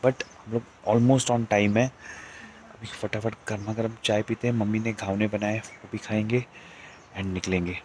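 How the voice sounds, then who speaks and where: A man in his thirties with a Marathi accent, vlogging a road trip casually and excitedly from a phone held at arm's length, both outdoors and in a car. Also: lowish voice, a little slow. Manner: chatty and excited, mixing in English words. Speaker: travel vlogger. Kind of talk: casual travel vlog. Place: outdoors on a highway and inside a car. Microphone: handheld phone camera at arm's length. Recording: traffic and outdoor noise.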